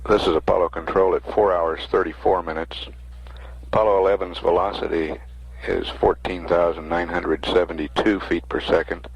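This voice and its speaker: An American man giving measured status commentary as a mission control announcer, reading out figures. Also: low voice, steady tone, vocal fry, lo-fi sound.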